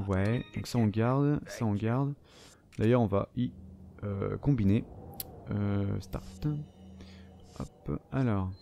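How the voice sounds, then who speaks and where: A man's voice: on the low side, gravelly, warm tone. A French man commenting on his own gameplay, swearing and reacting as he plays. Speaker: gamer. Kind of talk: let's play commentary. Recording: noisy background.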